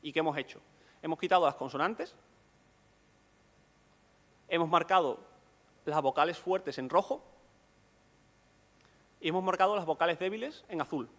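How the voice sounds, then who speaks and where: Male lecturer, fairly high voice, patient explainer, echoing hall sound. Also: moderate pace, pauses often, fairly bright tone. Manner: explanatory, asks rhetorical questions. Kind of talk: conference lecture.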